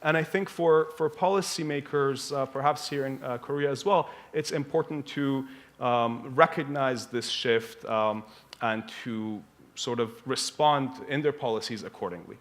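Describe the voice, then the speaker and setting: A man speaking on a conference panel, making a measured analytical argument with occasional fillers. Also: mid-range voice. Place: conference hall.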